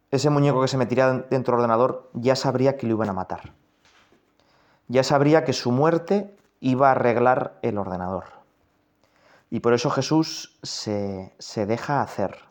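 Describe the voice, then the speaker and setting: Spaniard leading a quiet prayer meditation. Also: male voice, medium pitch. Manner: intimate, addresses the listener directly, reflective. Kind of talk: guided prayer meditation with scripture reading.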